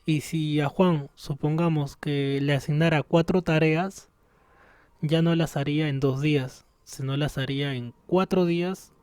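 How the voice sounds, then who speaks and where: A man teaching a recorded online class, explaining patiently and thinking aloud as he works through software, from a room at home near the street. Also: a little high, fairly even intonation, a little slow, smooth, no room sound.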